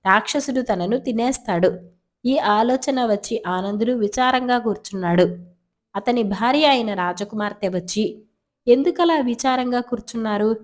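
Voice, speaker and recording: A woman storyteller reading folk tales aloud at a steady, even pace. Her delivery is scripted and calm, like a read-along storybook. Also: mid-range voice, moderate pace.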